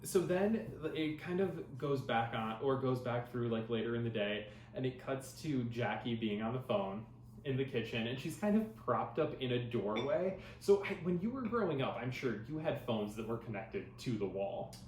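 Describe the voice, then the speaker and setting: A man co-hosting a podcast, casually recapping a sitcom episode in a rambling, animated way full of filler words. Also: medium pitch, moderate pace. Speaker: podcast co-host. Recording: echoey room with faint ambient noise.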